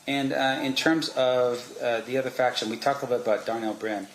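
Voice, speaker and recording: A man's voice: mid-range voice, fairly even intonation. Guy lawyer doing a cross examination, stop-start probing questions, echoey room, bit of noise. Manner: halting, probing leading questions. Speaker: attorney cross-examining a witness. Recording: roomy echo, faint background noise.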